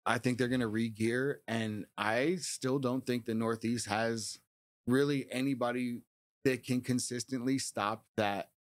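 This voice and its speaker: Male co-host, mid-pitched, thoughtful analysis, dry studio sound. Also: fairly even intonation, a little slow, no room sound. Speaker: podcast co-host. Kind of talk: casual podcast talk.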